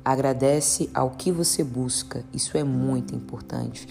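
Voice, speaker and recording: A woman, teaching a meditation practice in a calm, earnest way and slowly repeating mantras. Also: rumbling low, creaky. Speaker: spiritual guide. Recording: soft instrumental music behind.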